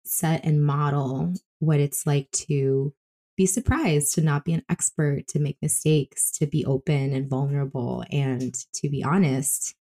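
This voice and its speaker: A woman with a very low, mellow, dark voice speaks on a podcast. Her delivery is conversational. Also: steady tone, a little slow. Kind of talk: casual podcast chat.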